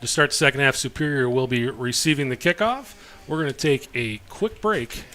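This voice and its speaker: A man calling a high school football game play-by-play in a relaxed, chatty way that lifts with the action. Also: normal speed. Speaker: play-by-play announcer. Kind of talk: live sports commentary.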